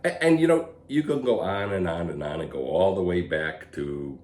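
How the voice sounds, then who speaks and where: With a deep, slightly mellow voice, this man co-hosts a podcast, chatting casually about politics in a blunt, opinionated way and laughing softly often. He sounds animated and keeps a moderate pace, while the audio carries a roomy echo and low background hum.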